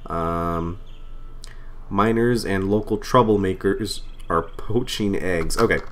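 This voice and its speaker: Still recovering from a cold, a let's play host talks slowly through his game into a desk microphone in a slightly lowered voice. His commentary is casual and chatty, full of fillers as he thinks aloud and makes fun of himself.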